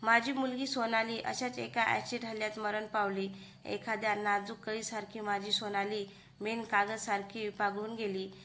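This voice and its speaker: A woman voicing a grieving middle-aged mother who speaks calmly and softly of her lost daughter. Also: a little high, normal speed, hardly any pauses, natural voice. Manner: calm, soft, sorrowful.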